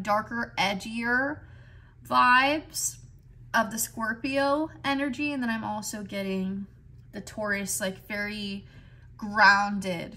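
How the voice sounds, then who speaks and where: Young woman tarot reader, slightly high voice, unhurried and meandering, filler-heavy casual delivery. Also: fairly bright tone. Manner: rambling, heavy with "like" fillers, chatty. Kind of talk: casual tarot card reading. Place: indoors at a desk, in a squeaky chair.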